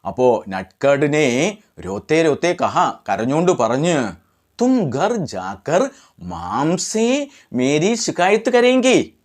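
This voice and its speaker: A man teaching a lesson, translating line by line and asking questions that he answers himself. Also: mid-range voice. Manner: translates phrase by phrase, repeating words. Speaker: Hindi tutor.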